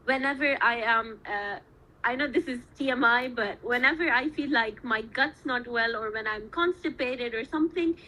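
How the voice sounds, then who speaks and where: Earnest young woman, higher voice. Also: moderate pace, pushed and bright, slight background noise, rough recording. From Saudi Arabia. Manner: earnest, reflective, talks at length. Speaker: medical student guest. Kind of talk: interview answers.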